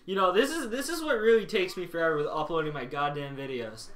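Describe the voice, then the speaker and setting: A young man with a bright, slightly high voice talks to his live chat in a rambling, wry way. The sound bounces around an echoey room. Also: fast. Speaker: live streamer. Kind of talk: casual live-stream chat.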